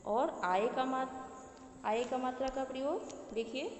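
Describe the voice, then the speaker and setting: A woman's voice: high-pitched, slow pace. A woman teaching grammar to schoolchildren, who asks the class questions and then answers them herself. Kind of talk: grammar lesson for children. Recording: echoey room, faint background noise.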